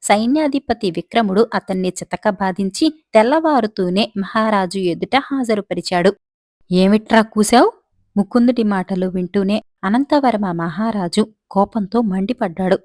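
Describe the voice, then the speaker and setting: Woman, storyteller, folk tale narration, steady and expressive, middle pitch, dry close mic. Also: moderate pace, no echo.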